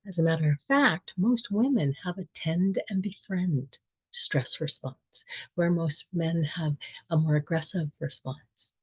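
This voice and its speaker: A middle-aged woman giving a reflective spiritual talk, gentle and thoughtful, with soft laughs and pauses. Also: on the low side, breathy edge, lo-fi sound. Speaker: spiritual teacher.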